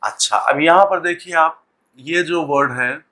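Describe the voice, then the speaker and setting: A man teaching English pronunciation in a lesson, talking deliberately, repeating sounds and words with many pauses. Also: a little high, sharp tone. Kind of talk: classroom lesson explaining pronunciation.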